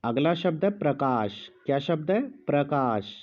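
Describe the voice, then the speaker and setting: Male teacher, slow measured dictation, muffled lo-fi sound. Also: on the high side, animated, darkish tone. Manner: speaks slowly with pauses, repeats each word. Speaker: Hindi teacher.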